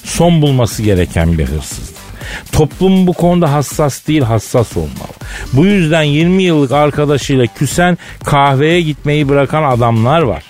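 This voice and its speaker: A man's voice: a little high, lively intonation, normal speed, a little mellow, faint music behind. A man hosting a radio show with casual, slangy, mock-indignant comedic banter.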